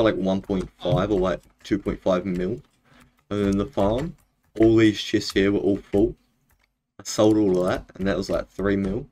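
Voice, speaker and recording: Casual, slangy and laid-back, a young man with a broad New Zealand accent talks while streaming a game from a small room in his home. His voice is fairly low with a darkish tone.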